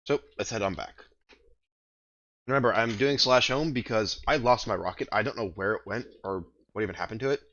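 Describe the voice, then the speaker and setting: A man with a lowish, groggy morning voice talks through his gameplay, wandering from thought to thought as he plays. The recording is dull and lo-fi. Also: a little fast, a bit bright, slight background noise. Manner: rambling, thinking aloud while playing. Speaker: gaming video host. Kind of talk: casual let's-play commentary.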